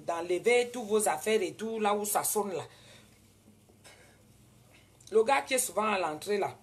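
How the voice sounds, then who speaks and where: A woman with a Cameroonian French accent telling a story in casual talk, animated and prone to loud indignant outbursts. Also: mid-range voice. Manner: animated, switches into loud indignant retorts when quoting herself. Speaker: vlogger.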